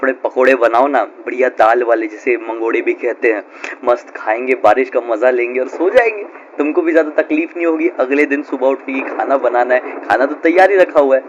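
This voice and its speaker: एक कथावाचक द्वारा निभाया गया आरामपसंद, मनाने वाला पति, कहानी में, धुंधली आवाज़. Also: male voice, mid-range voice, brisk, highs cut off, a little hiss or hum, lightly acted. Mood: persuasive. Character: easygoing relaxed husband and father.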